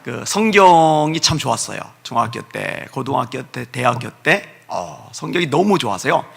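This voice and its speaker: A man's voice: mid-range voice, sing-song, normal speed, creaky, husky. A male pastor preaching at a revival meeting in a church, telling personal stories with emphatic repetition. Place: church sanctuary.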